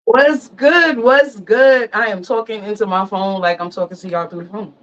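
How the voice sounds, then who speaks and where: This woman is chatting on her casual podcast from a barber chair, recording into her phone with hyped enthusiasm. She speaks at medium pitch and moderate pace, with background noise and lo-fi phone-mic audio.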